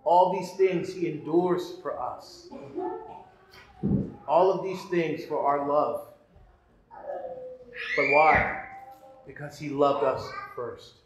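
A man's voice: fairly high pitch, fairly even intonation, takes it slowly, long pauses. A male priest giving a sermon, preaching earnestly with rhetorical questions and repeated phrases. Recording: echoey church room, faint ambience.

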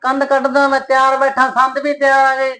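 A lazy village mason man, as a woman acts him out, speaking with a Punjabi accent. His voice sits high and stays flat and unhurried, and he shrugs off every complaint with teasing ease. It is comic short-film acting. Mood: easygoing teasing. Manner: easygoing, teasing, brushes off complaints.

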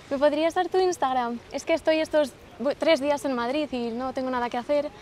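Forward young woman with a high voice. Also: darkish tone, a little hiss or hum. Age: 20s.

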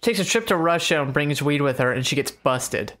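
A man's voice: fairly high pitch, expressive, a bit bright. Rambling, laughing gamer man. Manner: rambling, laughing, drawn-out tangents. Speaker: let's play co-host, player. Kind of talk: casual gameplay chat.

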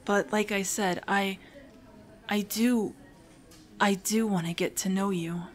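In this romantic audio roleplay, the woman's character is a nervous teenage hero-in-training who stammers, apologizes and rambles out of anxiety. She speaks slowly in a steady, medium-pitched voice, with light acting.

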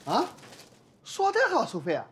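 A shrill, quarrelsome customer in a TV drama, stammering and shouting in indignation. His voice sits very high and swings widely as he complains. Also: wildly swooping pitch, a little fast, a little hiss or hum, heavily acted. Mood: angry. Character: loud petty male shop customer, quarrelsome. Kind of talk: television drama acting.

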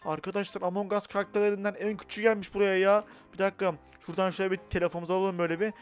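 A young man from Turkey playing Minecraft on camera, chattering excitably with loud outbursts. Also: sits high, very fast, clear, resonant tone, faint music behind. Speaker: gaming YouTuber. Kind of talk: Minecraft let's-play role-play.

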